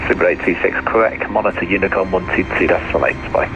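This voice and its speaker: A man working as an air traffic controller, giving procedural clearances over the radio. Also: low-pitched, steady tone, fast. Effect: aircraft radio. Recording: muffled radio audio with music behind.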